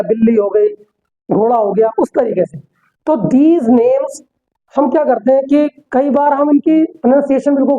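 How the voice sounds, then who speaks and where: A woman with an Indian accent teaches English pronunciation, explaining patiently and repeating each word slowly. Her voice sits a little high yet sounds mellow and soft-edged. The recording is dull and lo-fi. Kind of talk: pronunciation lesson mixing Hindi and English.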